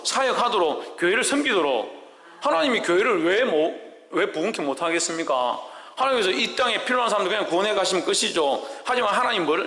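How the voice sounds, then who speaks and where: A man's voice: high-pitched, sharp tone, roomy sound, long reverb tail. A man preaching a sermon as a pastor, quizzing his congregation and acting out God's words. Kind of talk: sermon with audience questions. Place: church sanctuary.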